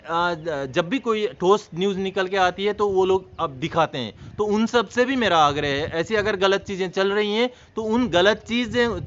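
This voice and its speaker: Male vlog host, high-pitched, earnest and explanatory, faint background hiss. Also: a bit bright. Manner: earnest, explanatory, addresses viewers as friends. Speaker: YouTube channel host. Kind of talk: informational vlog address. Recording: slightly dull sound with faint noise.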